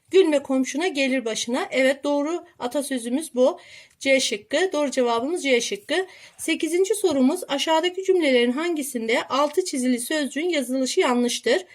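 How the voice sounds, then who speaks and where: A woman reading out test questions to young pupils and explaining each answer in a clear, patient way. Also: high-pitched.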